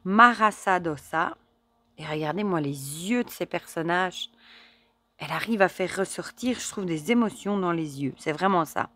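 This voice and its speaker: A woman in casual chat with her viewers, showing and admiring a deck of oracle cards, chatty and admiring, with soft murmured asides. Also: lowish voice, normal speed, no echo. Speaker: card reader and oracle deck reviewer.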